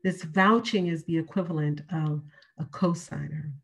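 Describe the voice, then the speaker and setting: A middle-aged woman with a husky, slightly low voice delivers a prepared keynote lecture. She speaks in a measured way, leaning on repeated key phrases for emphasis. She is heard through a webcam on a video call from a room at home. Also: fairly even intonation.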